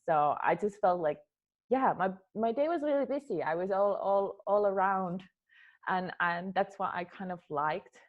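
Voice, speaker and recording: A young Finnish woman, a dance artist, answers interview questions about her dance work in a Finnish accent. Her mid-range voice moves at a moderate pace, and she sounds hesitant, often repeating words while she searches for the right ones. The audio has a phone-quality sound.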